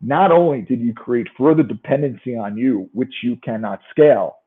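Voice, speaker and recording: A man with a New York accent and a mid-range voice speaks at a normal pace, delivering a motivational business talk as a sales coaching speaker and trainer. He is emphatic and often puts rhetorical questions to his audience. The recording sounds thin and narrow-band, like a phone line.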